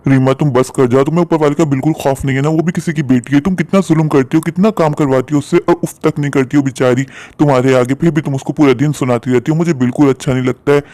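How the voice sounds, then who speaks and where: A man's voice: a little high, steady tone, fast talker, few pauses, mellow, dry recording, lightly acted. A man voicing an older father-in-law in a cartoon story who reproaches his wife in a moralizing way. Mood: reproachful.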